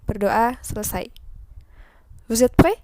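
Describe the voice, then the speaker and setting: A young woman with a fairly high voice teaches a beginners' French lesson. She talks in a friendly, chatty way and slows down to spell out each letter and its sound. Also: animated, dark tone, dry recording. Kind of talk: online class lesson.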